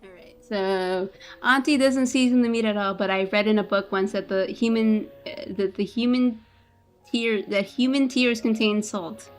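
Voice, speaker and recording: A woman's voice: mid-range voice, normal speed, soft background music. A woman playing a visual novel, reading its narration aloud in a casual, playful way. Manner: playful, laughing between lines.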